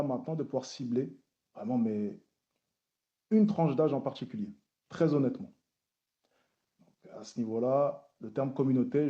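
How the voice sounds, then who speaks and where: Man, content creator at a hearing, measured formal answers, deep mellow tone, muffled recording. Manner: measured, repeats key phrases, formal phrasing. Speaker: social media content creator testifying at a hearing.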